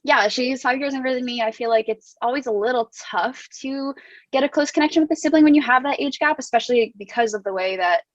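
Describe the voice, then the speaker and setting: A woman's voice: high voice, fast talker, no echo, dull audio. A young woman from New Jersey, a guest author talking casually in an interview, full of "like" and "um". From New Jersey, USA. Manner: chatty, heavy use of "like" and "um".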